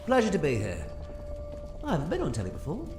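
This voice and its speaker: A man's voice: on the high side, wildly swooping pitch, fast. A man playing an eccentric, scatterbrained alien time traveller in an audio drama, rambling and hesitating theatrically. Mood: flustered, chirpy. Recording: roomy sound with music behind.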